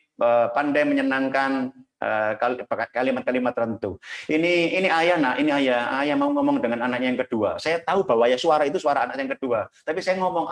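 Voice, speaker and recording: A man giving an earnest religious parenting lecture over a video call, repeating and urging his listeners. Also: mid-range voice. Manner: earnest, repetitive, urging the audience. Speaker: guest speaker at a parenting talk.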